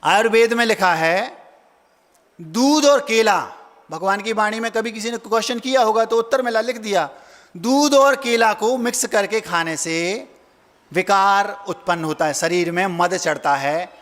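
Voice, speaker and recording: A man's voice: high-pitched, unhurried, fairly bright tone. A man, a monk preacher, giving a folksy storytelling sermon, acting out family voices and asking his listeners questions. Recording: hall reverb.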